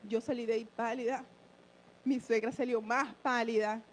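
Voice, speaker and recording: A woman with a fairly high voice shares an earnest personal testimony in church. Her breath runs short with emotion, and she speaks directly to her listeners. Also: steady tone, normal speed, slight background noise, low-quality recording. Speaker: church member giving a testimony.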